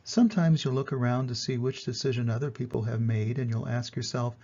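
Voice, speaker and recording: An older man reads to his young grandchildren in a plain, storytime manner, speaking directly to them as he reads and explains. His medium-pitched voice is creaky and gravelly with a husky grain, mellow and soft-edged, steady in tone and fairly quick, and the recording has its highs cut off.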